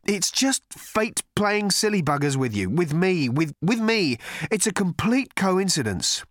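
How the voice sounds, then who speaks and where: A man's voice: sits high, very animated, a little slow, fairly bright tone, dry recording, clean studio sound, voice pushed up, exaggerated voice. Man doing Arthur Dent, a stammering nervous everyman. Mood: flustered. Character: flustered, apologetic everyman, nervous. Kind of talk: audiobook character voice.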